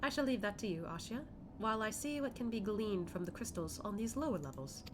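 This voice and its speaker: A woman voicing an earnest, measured fantasy scholar with stately archaic phrasing, reading game dialogue aloud. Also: medium pitch, expressive, noisy background, close to an everyday voice. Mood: courteous, calm. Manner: stately, old-fashioned phrasing. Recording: loud game music behind.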